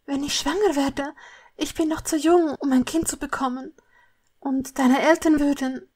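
A woman's voice: high-pitched, steady tone, takes it slowly, whispered, voice pushed up. A woman reading a storybook part as an anxious young woman, breathless, pleading and shaky. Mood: panicked.

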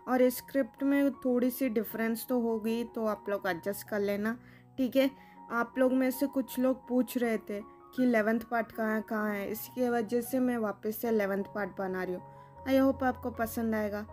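A woman's voice: on the high side, fairly even intonation, moderate pace, darkish tone, soft background music. A woman who runs the channel, chatting casually to her viewers and calling them guys. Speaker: channel creator.

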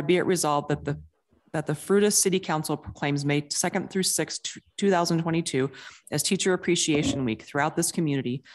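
A woman with a low voice reads a formal proclamation aloud in a council chamber. She is steady and even, taking each clause in turn. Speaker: council member.

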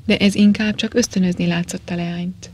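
A woman narrating a novel as an audiobook in a measured, steady way. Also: fairly low pitch, slight background noise.

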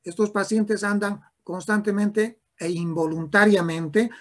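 A man lecturing on neurology to a class, who talks slowly, repeats himself and often checks "¿ya?". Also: high-pitched, expressive, breathy edge. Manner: slow, repetitive, with frequent restarts and checks of "¿ya?".

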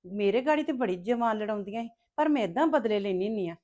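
A woman's voice: medium pitch, expressive, fast talker, a little mellow, lightly acted. An actress playing a spiteful, scheming woman who gloats over a mother and daughter, speaking. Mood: gloating. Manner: gloating, taunting. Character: spiteful scheming woman relishing a family's misery. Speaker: scheming relative. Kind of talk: web drama acting.

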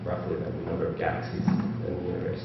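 A creaky, low-voiced man in the audience speaks quickly and completely flat from the floor at a panel. He hesitates with plenty of ums, though his voice rises and gets louder when he quotes. The recording is very noisy, dull, and echoey, taken from far off in a large auditorium.

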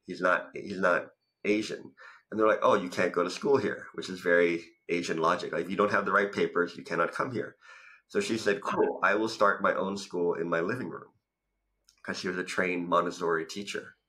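He has a deep voice with a steady tone and moderate pace, bright and forceful, though the recording is rough. This man in his thirties from Thailand, a business coach and founder, is a chatty guest in a casual interview, narrating his business path and saying "like" often. He joins via video call from a home room with a studio mic in front.

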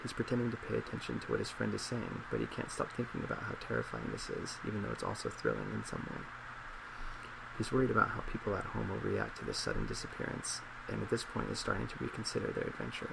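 A young man in his 20s, with a low and very creaky voice, plays a psychologist in a soft-spoken ASMR role play, reading responses and reflecting on them at a fast pace. He sits at a desk in a small indoor office, and a loud laptop fan hisses steadily throughout.

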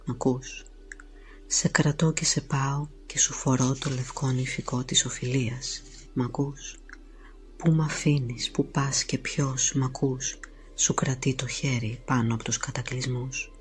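A woman giving a slow, hushed, intimate poetry reading that drifts into whispers. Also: a bass voice. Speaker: poetry reader.

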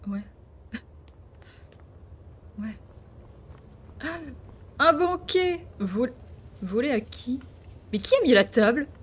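A woman's voice: a little high, animated, takes it slowly, long pauses, breathy edge. A woman streaming a video game, chatting playfully with her viewers and full of exclamations. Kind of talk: casual live-stream gaming commentary.

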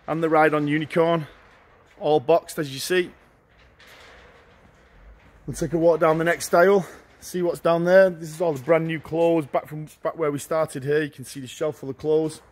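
A middle-aged man walking through a large warehouse, listing auction lots in short, brisk phrases as he goes. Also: fairly high pitch, steady tone. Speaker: auctioneer giving a viewing tour. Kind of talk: walking tour commentary. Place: large indoor warehouse with shelving.

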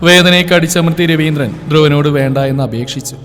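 A man reading out a story as its storyteller, with a steady, dramatic delivery. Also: on the high side, a little fast. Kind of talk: scripted story narration. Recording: long reverb, soft music behind.

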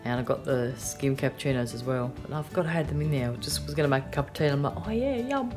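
Australian woman vlogger, low voice, chatty and rambling, phone in a car at night. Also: animated, fast talker, music in the background. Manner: chatty, rambling, lots of ums and yeahs. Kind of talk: casual haul chat.

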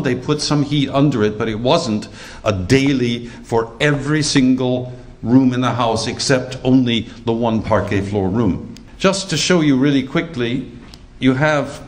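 An older man giving a lecture over slides, animated and emphatic, slowing right down to stress key points. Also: medium pitch.

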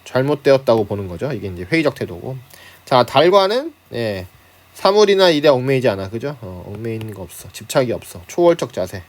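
A man teaching high school literature in a relaxed, conversational manner. His pitch moves widely as he explains, and he keeps prompting his students with short tag questions. He lectures from his home. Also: fairly quick. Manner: starts phrases with a prompting filler, chuckles now and then. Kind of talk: online lecture on a class handout.

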